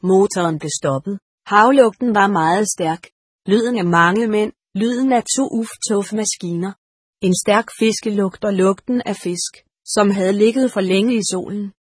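Calm woman audiobook narrator, husky tone, dry close read. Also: medium pitch, no echo. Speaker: audiobook reader. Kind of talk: storybook narration read aloud.

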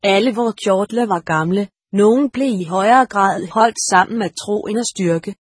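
A woman reading a first-person story aloud in a measured, steady audiobook narration. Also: medium pitch, breathy edge, dry recording, clean studio sound.

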